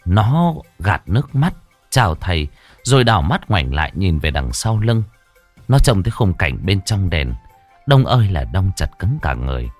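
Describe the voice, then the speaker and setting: A low-pitched male storyteller narrating with a lively, swooping delivery. The voice is close and dry, with faint music playing behind. He shapes each line dramatically. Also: no echo. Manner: dramatic, varied delivery, voicing the characters.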